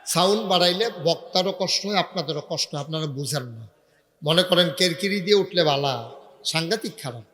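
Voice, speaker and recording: A preacher, chanting rising lines and quizzing the crowd over a PA microphone. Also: male voice, fairly high pitch, lively intonation, fairly quick. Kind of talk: sermon with call-and-response. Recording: echoey loudspeaker sound in a large hall.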